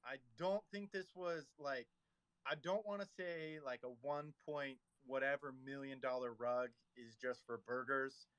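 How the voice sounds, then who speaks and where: Bright-voiced man rambling casually, dry sound. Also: medium pitch, a little slow, smooth, no room sound. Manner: rambling, filler-heavy, teasing. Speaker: host of a social audio room. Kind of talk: casual chat.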